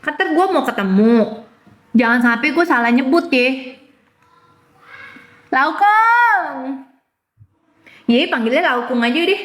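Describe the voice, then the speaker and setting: A social media influencer with a Jakarta accent chats casually on a phone live stream, teasing her viewers and repeating words over and over as she tries out pronunciations. Her high-pitched voice has lively intonation at a normal speed.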